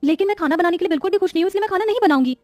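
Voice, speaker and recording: A woman's voice: extremely high pitch, racing, darkish tone, faint music behind, voice pushed up. Shweta, a woman voicing a stubborn young bride. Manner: stubborn, petulant. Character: spoiled young bride, stubborn, refuses to cook. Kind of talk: Hindi cartoon voice acting.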